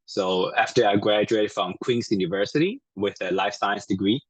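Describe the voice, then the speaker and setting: Husky-voiced man, friendly and hesitant. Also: on the low side, normal speed, no echo, rough recording. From Taiwan. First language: Chinese. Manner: friendly, hesitant, with many fillers. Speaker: guest chiropractor. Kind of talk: casual interview chat.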